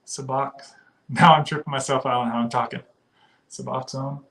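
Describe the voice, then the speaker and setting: Reading out viewer comments and laughing a lot, this livestream host from the western US keeps the chat loose and casual. He has a mid-range, somewhat bright voice with a steady tone and moderate pace.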